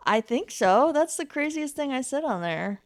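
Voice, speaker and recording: A woman's voice: high-pitched, sing-song, normal speed, dry recording, studio quality. A young woman chatting casually as a guest, frank and easily annoyed, swearing now and then. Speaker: podcast guest. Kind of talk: casual chat.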